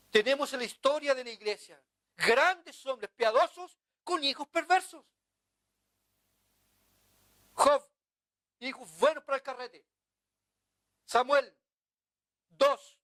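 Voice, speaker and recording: Impassioned pastor preaching. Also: male voice, very high-pitched, a bit bright. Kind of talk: sermon.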